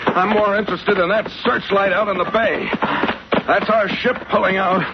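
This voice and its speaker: A man's voice: high voice, steady tone, normal speed. A man playing a terse, take-charge American adventurer captain in a 1940s radio serial. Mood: urgent. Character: brisk, commanding, impatient male adventurer captain. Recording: muffled, very noisy 1940s radio recording.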